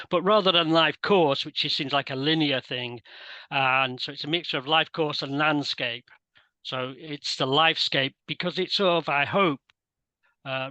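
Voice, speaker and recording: Bright, hesitant older man presenting a webinar. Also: fairly high pitch, dry recording, poor audio. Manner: hesitant, many uh fillers, wry. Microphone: video call.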